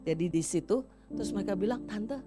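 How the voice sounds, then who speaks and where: Woman pastor, animated storytelling sermon, music playing behind. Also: medium pitch, a little fast. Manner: animated storyteller acting out quoted dialogue. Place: church.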